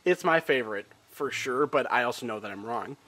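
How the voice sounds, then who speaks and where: A man's voice: medium pitch, lively intonation, brisk, sharp tone. A man with an ordinary mid-range voice chats on a podcast, gushing eagerly and dropping "like" into nearly every phrase. He sounds enthusiastic and casual. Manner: enthusiastic, filler-heavy with lots of "like". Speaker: podcast co-host. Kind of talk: casual chat.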